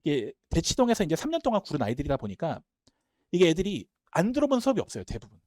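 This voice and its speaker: Fast, lively male lecturer. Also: fairly high pitch, dry recording, clean studio sound. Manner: emphatic, talks fast and animated. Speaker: Korean-language instructor. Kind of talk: admissions seminar lecture.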